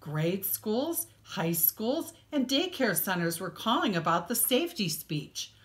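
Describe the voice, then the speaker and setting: Slow-paced woman reading a children's story. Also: mid-range voice, big pitch swings. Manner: deliberate, dramatic emphasis on key words. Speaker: children's librarian reading a picture book. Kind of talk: expressive read-aloud storytelling for children.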